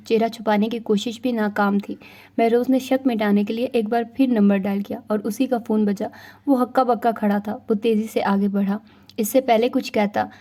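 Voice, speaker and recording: A woman narrating a romance novel in a steady storytelling read, voicing every character herself. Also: fairly high pitch. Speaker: audiobook narrator.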